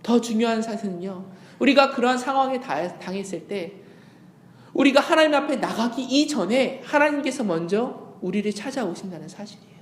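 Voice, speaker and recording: A man preaching a Sunday sermon as pastor, earnest, dropping to a hush when he quotes Jesus. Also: extremely high pitch, expressive, moderate pace, roomy sound. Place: church sanctuary.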